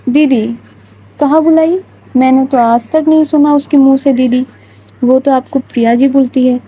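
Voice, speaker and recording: Woman doing a curious teasing girlfriend, higher voice, warm and breathy. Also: steady tone, low-quality recording. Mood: prying. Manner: teasing, questioning.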